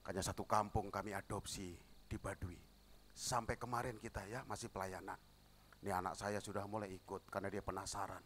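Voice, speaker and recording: A middle-aged man preaching a sermon as pastor, telling stories and acting out the dialogue, with shouted peaks. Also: low voice, brisk, slight background noise. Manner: animated storytelling, acts out dialogue, shouts at climaxes.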